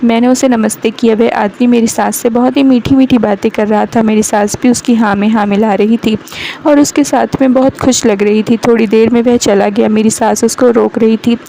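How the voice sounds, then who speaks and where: Gravelly, dark-toned woman storyteller. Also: fairly high pitch, steady tone, moderate pace, slight background noise, low-quality recording. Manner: reads every part herself, mother-in-law and man included, in her own voice. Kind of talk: first-person story narration.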